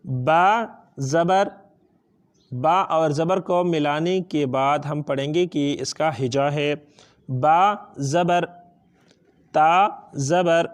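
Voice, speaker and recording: A man with a Pakistani accent teaching Quran reading step by step, patiently asking and answering his own questions and stretching out letter sounds. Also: a little high. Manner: switches between two languages. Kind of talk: step-by-step lesson.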